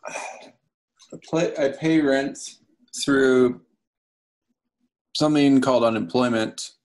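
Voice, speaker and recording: A man's voice: mid-range voice, takes it slowly, a little mellow, poor audio. A man guest on a casual podcast, talking in an easygoing way. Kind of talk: casual chat.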